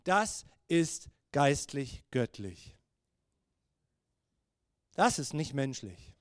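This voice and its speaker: A man in his fifties preaching a sermon, telling stories in a lively, conversational way. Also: medium pitch, extremely slow, dry recording, studio quality.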